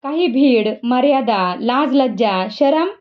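A proud old Brahmin scholar scolds indignantly, his voice set a little lower than the reader's own, as a woman reads him. The storybook reading is captured on a dull, lo-fi recording. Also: expressive, slow pace. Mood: angry. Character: angry proud elderly male Brahmin scholar.

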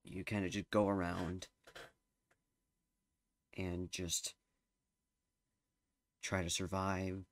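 A man's voice: low voice, little pitch movement, extremely slow, pauses often. A teenage boy giving casual gameplay commentary, rambling and hesitant with lots of fillers. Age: teens. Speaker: gameplay streamer.

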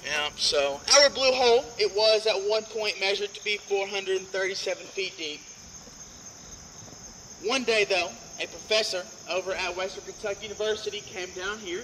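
Recorded on a visitor's camera a few meters off, a tour guide with a high, sharp voice talks at normal speed while taking his group outside and into a cave. His jokey, playful stories come through poor audio with slight hiss or hum and music beneath.

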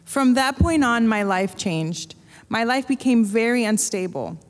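On a church stage before an audience, a woman with a fairly high, expressive voice interprets a testimony, reading a prepared translation phrase by phrase at a measured, steady pace. She uses a stand microphone, and the large church hall adds long reverb.

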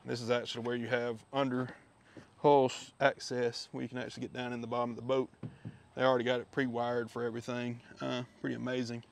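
Gravelly man, steady even delivery, casual outdoor gear walkthrough on a head camera, faint background noise. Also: medium pitch, fast talker. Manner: relaxed, chatty, with many fillers. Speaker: fishing video host. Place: backyard outdoors. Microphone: head-mounted action camera.

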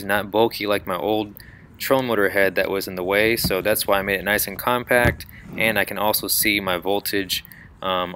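A man's voice: lowish voice, pushed and bright, slight background noise. A man hosting his own channel, walking step by step through a do-it-yourself build in an upbeat, explaining voice. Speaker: channel host. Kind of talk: DIY how-to walkthrough.

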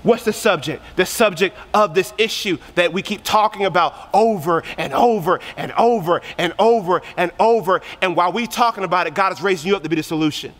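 A man preaches to teenagers with fervent, repetitive emphasis, his voice pitched high and bright. The sound carries a long reverb from a church hall. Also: brisk, few pauses. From Korea. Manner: passionate preaching, repeats phrases for emphasis. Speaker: youth pastor. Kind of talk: sermon.

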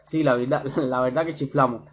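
A man's voice: mid-range voice, steady tone, a little fast, husky, voice pushed down, natural voice. A man voicing his joking young road-trip friend, wry and bantering.

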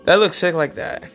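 Slow-talking, excitable woman vlogger. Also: fairly low pitch. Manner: excitable, with frequent gasps and laughs. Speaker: vlogger showing a toy wrestling figure collection. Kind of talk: casual unscripted show-and-tell.

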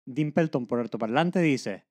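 Male co-host, mid-pitched, steady recap narration. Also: normal speed. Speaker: podcast co-host. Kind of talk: casual episode recap.

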